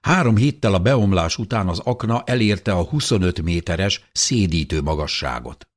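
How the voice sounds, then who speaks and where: A man reading a first-person audiobook narration in an expressive voice that rises with tension. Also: deep voice.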